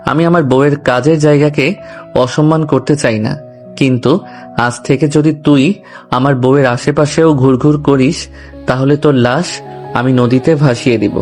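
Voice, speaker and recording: A man's voice: medium pitch, fairly even intonation, normal speed, close to an everyday voice. A man playing a possessive, hot-tempered nineteen-year-old husband who speaks intensely and threatens. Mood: furious. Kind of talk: audio drama acting. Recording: soft background music.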